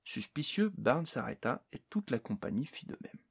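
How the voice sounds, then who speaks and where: Man, audiobook narrator, expressive, lively intonation, raspy. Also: medium pitch, moderate pace. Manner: expressive, many character voices. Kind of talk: storybook reading.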